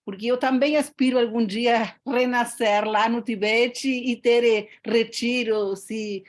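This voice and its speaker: A woman's voice: a little high, fairly even intonation, measured pace. A woman in an online study group, hesitant and apologetic, with many restarts.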